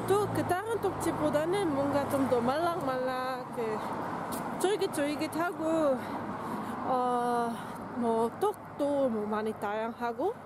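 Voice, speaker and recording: High-voiced woman talking with her mouth full. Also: very noisy. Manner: chatty, relaxed, trailing fillers. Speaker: vlogger. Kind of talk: casual food vlog chat. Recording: loud music behind voice.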